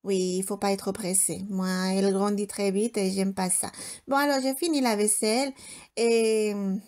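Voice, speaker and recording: A woman's voice: mid-range voice, fairly even intonation, normal speed, a little mellow. A woman in her thirties from Spain with a Spanish accent, narrating her home vlog in a rambling way, often searching for words. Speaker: home vlogger. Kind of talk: casual voice-over chat.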